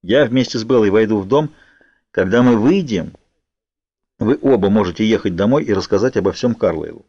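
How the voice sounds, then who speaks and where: A man's voice: fairly low pitch, expressive, a little fast, warm tone, no room sound. A man voicing a tense, protective young man who talks in a curt, commanding way, on a dull lo-fi audiobook recording.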